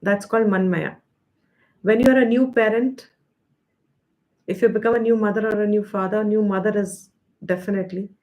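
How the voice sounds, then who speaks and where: A woman with an Indian accent teaching a scripture study class, explaining patiently, slowing down to stress key terms and mixing Hindi phrases into her English. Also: mid-range voice, fairly even intonation, a little mellow. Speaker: Vedanta teacher.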